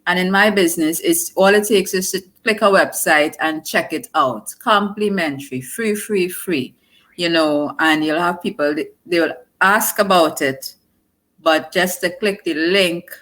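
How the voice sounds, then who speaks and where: A woman's voice: lowish voice, a little slow, fairly bright tone. A woman from Trinidad and Tobago with a Trinidadian accent, explaining her work earnestly as an interview guest. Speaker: guest, digital marketer. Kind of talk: casual interview chat.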